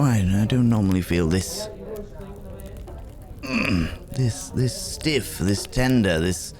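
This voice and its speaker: With a low voice, a man portrays a courteous, worn-out werewolf traveler for an intimate fantasy ASMR piece, pausing as he muses and letting out quiet hums.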